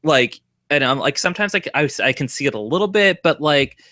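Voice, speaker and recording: A man's voice: fairly high pitch, animated, fairly quick, pushed and bright, no echo, clean studio sound. A man co-hosting a casual geek chat over a video call, rambling and heavy on filler words. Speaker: co-host.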